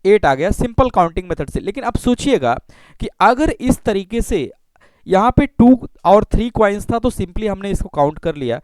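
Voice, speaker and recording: A man teaching a maths lesson. He explains slowly, repeats himself and keeps checking in with "okay" and rhetorical questions. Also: high voice, big pitch swings, dry recording. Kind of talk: classroom lecture.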